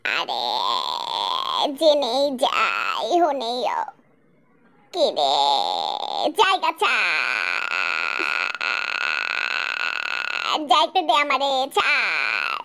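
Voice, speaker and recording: A rough village man who snaps and scolds in coarse speech, acted by a woman. The voice is pushed well below her own high pitch, and the lines come out gruff. It suits an amateur audio drama. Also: wildly swooping pitch, drawn-out words, pauses often, very noisy, exaggerated voice. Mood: angry.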